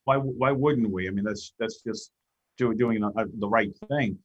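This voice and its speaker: A man's voice: lowish voice, moderate pace, breathy edge, lo-fi sound. An older man with a heavy Brooklyn accent chatting casually on the radio, often repeating his opening words. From Flushing, Queens, New York. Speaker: radio guest, financial professional.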